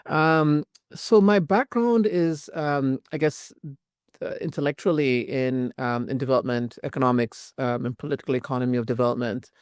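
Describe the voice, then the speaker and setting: A man who grew up in Jamaica, a professor speaking as an interview guest in a thoughtful way, with frequent pauses. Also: medium pitch, clean tone, no echo, clean studio sound. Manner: thoughtful, many "um" fillers. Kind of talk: academic interview.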